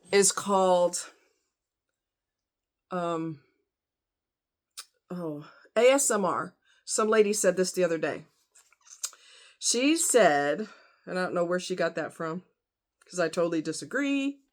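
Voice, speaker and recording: A woman vlogger talks casually to camera in a fairly low, sing-song voice, speaking slowly with long pauses. Her chat with her audience is rambling and conversational, with frequent asides.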